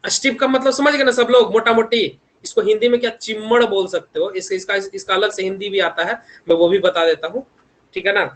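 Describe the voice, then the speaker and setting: High-pitched young male lecturer a lilt, chatty teaching tone full of check-ins and homely examples. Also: steady tone, fairly quick, fairly bright tone. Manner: repeats tag questions constantly, homely examples. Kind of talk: online engineering lecture.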